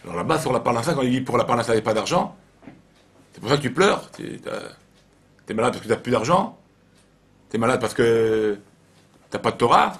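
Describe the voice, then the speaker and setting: Man, rabbi, informal Torah lesson, animated storytelling, repeats phrases. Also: mid-range voice, fairly quick, gravelly, long pauses.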